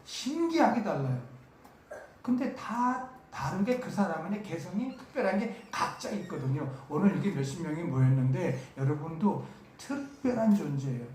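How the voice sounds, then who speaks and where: At a church summer camp, a preacher delivers a very animated sermon in a large church hall, stressing and repeating key words and putting questions to the audience. The voice is medium-pitched and a little mellow, at a moderate pace. The recording is very echoey, with faint noise.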